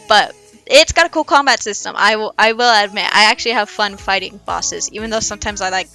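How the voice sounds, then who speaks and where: Woman host, fairly high bright voice, breathless, chatty and rambling, faint music under her. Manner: rambling, enthusiastic, lots of "like" and "um". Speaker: podcast host. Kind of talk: casual solo podcast talk about a video game.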